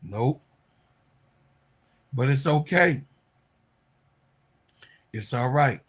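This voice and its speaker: Podcast co-host, male, slow deliberate delivery, preachy and emphatic. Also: medium pitch, lively intonation, fairly bright tone, slightly rough. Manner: emphatic, preachy, repeats points for effect. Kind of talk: heated sports debate.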